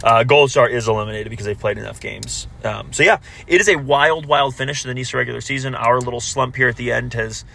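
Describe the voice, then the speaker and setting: A man co-hosting a casual soccer recap, correcting himself as he goes, heard on low-quality audio recorded while driving in a car. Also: quick pace, creaky, hardly any pauses, sharp tone. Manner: talks through standings with frequent self-corrections. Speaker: podcast co-host. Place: moving car.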